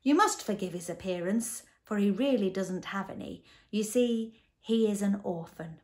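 A woman's voice: mid-range voice, moderate pace, a little mellow, natural voice. Woman voicing a pompous blustering doctor. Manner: pompous, declaiming. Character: pompous middle-aged male doctor, blustering.

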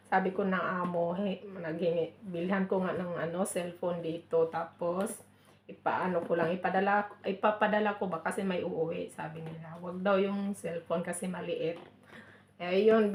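A woman's voice: mid-range voice, darkish tone. A woman from the Philippines chatting casually in a vlog as she opens gifts, giggling and repeating herself. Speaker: vlogger. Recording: echoey room with faint noise.

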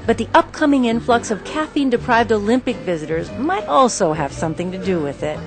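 A woman TV reporter narrating a news feature in a bright, scripted way and chatting with diners on camera. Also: fairly high pitch, animated, a little fast, over music, low-quality recording.

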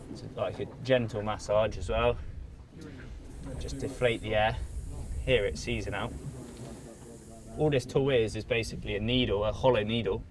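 Young skipper explaining tips over sea wind. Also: male voice, fairly low pitch. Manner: relaxed, practical explaining with fillers. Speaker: fishing charter skipper. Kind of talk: instructional fishing tips to camera. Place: open deck of a fishing boat at sea. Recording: wind and sea noise on deck.

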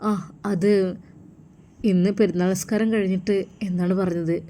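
A woman voicing a helpful young man, a younger brother, speaking in a lowered, matter-of-fact way. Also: fairly even intonation, normal speed, warm tone, lightly acted. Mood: explaining.

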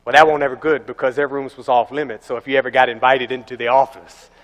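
A young man preaching a sermon as pastor, animated and telling stories with acted-out voices. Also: mid-range voice, quick pace. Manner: animated storytelling, acting out voices. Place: large church hall. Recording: echoey church hall.

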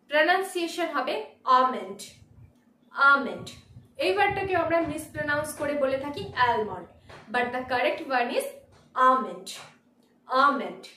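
A woman teaching pronunciation, repeating each word slowly with careful stress. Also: sits high, a little hiss or hum. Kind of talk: slow, deliberate pronunciation lesson. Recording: echoey room, voice from a distance.

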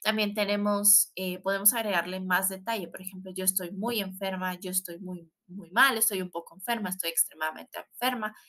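Bright-voiced woman teaching English. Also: mid-range voice, steady tone. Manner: explains in Spanish, models English words slowly, adds tag questions. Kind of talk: recorded online language lesson.

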